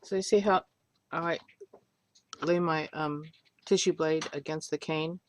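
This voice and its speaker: A woman's voice: sits low, fairly even intonation, unhurried, background noise. An older woman teaching a polymer clay craft on a webcam, chatty and rambling, with self-deprecating jokes along the way.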